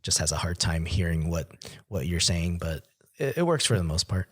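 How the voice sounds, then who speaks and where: Low-voiced man sharing practical tips. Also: moderate pace, breathy edge. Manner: relaxed, shares tips from experience. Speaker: podcast co-host. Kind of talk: casual technical chat.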